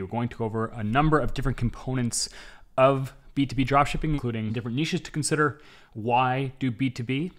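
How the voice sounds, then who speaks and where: A man's voice: mid-range voice, fairly bright tone. A young Canadian man with a Canadian accent, giving an upbeat tutorial to camera as an e-commerce educator. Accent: Canadian English. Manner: upbeat, clear explainer with casual fillers. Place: dim indoor studio.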